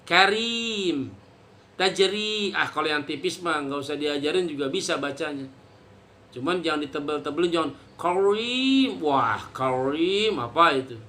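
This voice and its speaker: A man, teaching a Quran reading lesson to children in a casual, joking way and drawing out the example words slowly. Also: on the high side, bright, forceful tone.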